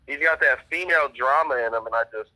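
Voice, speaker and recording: Fast-talking young man over a phone line. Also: medium pitch, pushed and bright. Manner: rambling, profane, quotes others with "she's like". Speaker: trial witness. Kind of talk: casual phone conversation.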